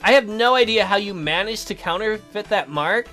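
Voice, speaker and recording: In a visual novel read-aloud, a man voices a bitter, sarcastic youth imprisoned in a child's body, accusing and complaining theatrically with game music behind him. His pitch is high with wide swings, animated, pushed and bright, at a moderate pace.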